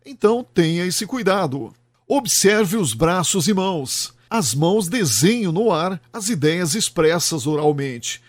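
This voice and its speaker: A man reads a scripted lesson in a high, clear register. He speaks in a measured, instructive way. The recording is dry, with no room sound. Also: no echo. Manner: measured, instructive delivery of tips. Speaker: channel narrator. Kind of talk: scripted narration.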